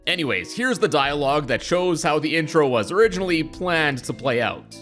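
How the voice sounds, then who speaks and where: A man's voice: a little high, animated, normal speed, fairly bright tone. A man hosting a gaming video, reading scripted explainer narration. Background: music.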